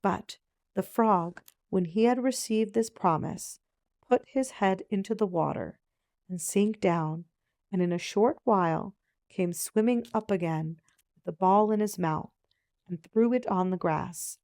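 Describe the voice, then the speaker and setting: Gentle, unhurried woman reading a fairy tale. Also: mid-range voice, no echo, studio quality. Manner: unhurried, measured phrasing. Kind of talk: gentle scripted fairy-tale narration, storybook opening manner.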